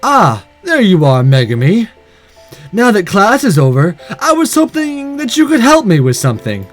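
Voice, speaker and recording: A man's voice: high voice, huge pitch swings, normal speed, faint music behind, pitched above the performer's own voice. A man doing a prim student council girl. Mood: cordial.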